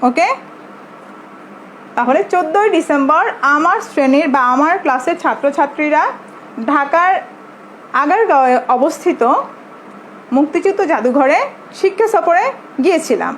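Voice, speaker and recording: A Bangladeshi woman, a primary school English teacher, giving an online lesson in English and Bengali, slowly repeating words for her pupils. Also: sits high, a bit bright, slight background noise, low-quality recording.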